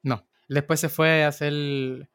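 A man's voice: a little high, little pitch movement, slow pace, fairly bright tone, clean tone, no echo, clean studio sound. A man co-hosting a casual film discussion, telling stories with lots of restarts and rambling asides. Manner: rambling storyteller with many restarts. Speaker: podcast co-host.

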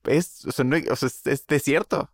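Un hombre joven con acento mexicano, copresentador de un pódcast, opinando en charla casual con muchas muletillas y groserías. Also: male voice, mid-range voice, normal speed, no room sound, studio quality. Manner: opinionated, slangy, rambling. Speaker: podcast co-host. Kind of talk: casual chat.

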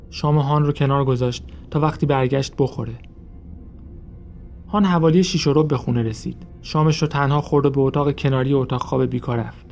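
A man reading a scripted true-crime story in an even, measured storytelling manner. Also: mid-range voice. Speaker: podcast narrator.

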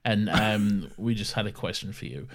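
A young man, a podcast co-host, leaves a casual, slightly sheepish voicemail on a phone call and stops often with halting fillers. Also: lowish voice, animated. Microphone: podcast microphone.

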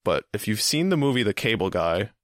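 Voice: mid-range voice, big pitch swings, brisk, no echo. A podcast co-host in casual chat, teasing in a dry way.

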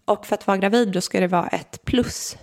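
Chatty woman with a gravelly voice. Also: mid-range voice. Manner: animated storyteller, acts out quotes. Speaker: podcast guest telling a personal story. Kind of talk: casual chat.

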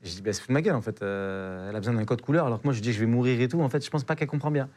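A man's voice: medium pitch, rapid-fire. Slangy young man telling a story. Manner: slangy, animated, full of hesitations and repeated words. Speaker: adventurer guest on a podcast. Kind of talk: casual storytelling.

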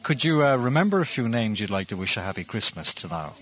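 A man presenting a local radio programme and gently asking an interviewee questions, heard on an old 1980s radio recording. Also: mid-range voice, very animated, quick pace.

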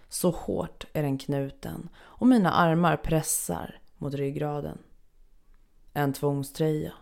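A woman reads a first-person scripted story aloud in a low, gravelly, darkish voice. Her delivery is measured and somber, and she takes her time with every sentence.

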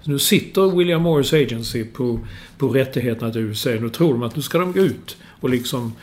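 A man's voice: medium pitch, lively intonation. A man in casual sports chat, explaining business details with enthusiasm and the odd swear. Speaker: podcast co-host.

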